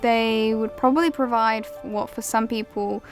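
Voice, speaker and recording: Ukrainian-born woman reporter narrating a doc, kinda high and flat, calm and measured, music under her. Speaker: journalist. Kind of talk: documentary narration.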